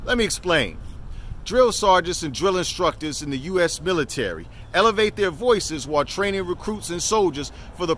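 Brief: male fitness host, high forceful voice, barks like a drill sergeant, outdoors. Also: a little hiss or hum. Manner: loud drill-sergeant style delivery. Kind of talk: motivational address.

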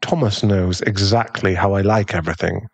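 Playing a caring, protective werewolf fiancé from the aristocracy in a soothing ASMR boyfriend roleplay, a man with a British accent speaks in a husky, genteel voice. It sits low and steady at a moderate pace, reassuring throughout.

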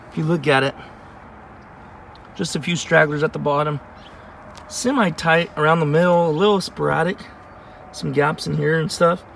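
With a slightly high, gravelly and fairly bright voice, a man in his thirties explains things matter-of-factly in a casual review at an outdoor shooting range. The camera mic, placed at a distance, adds a little hiss or hum.

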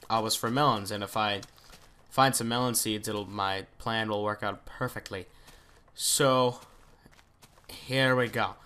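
A man with a lowish, smooth voice and sharp tone hosts a let's play video, chatting casually and thinking aloud as he plays. He often trails off into mutters.

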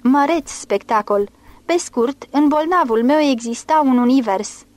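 Woman reading a pompous surgeon guy orating away, kinda high, dry close sound. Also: animated, darkish tone, no echo. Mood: grandiose. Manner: grandiose orating. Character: pompous male surgeon recounting a fantastic dream.

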